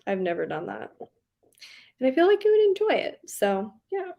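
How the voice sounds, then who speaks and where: A young woman hosting a booktube livestream chats casually while reading live comments, rambling and giggling with plenty of likes and ums. Her high, sing-song voice carries vocal fry at a normal speed, and a slight Southern US accent slips into some words. The sound is lo-fi.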